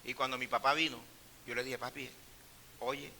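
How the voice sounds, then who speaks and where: A middle-aged male pastor preaching a sermon, telling personal stories in a hushed voice and rising to loud, emphatic preaching. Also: mid-range voice, fairly even intonation, normal speed, slight background noise.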